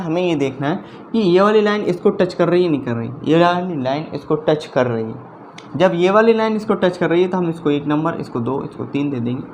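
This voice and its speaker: A man teaching a math lesson in a slow, deliberate way. He repeats his steps and keeps checking that the viewer is following along. There is faint noise behind his voice. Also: on the high side, a little mellow. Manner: slow, repetitive explaining, often checking understanding.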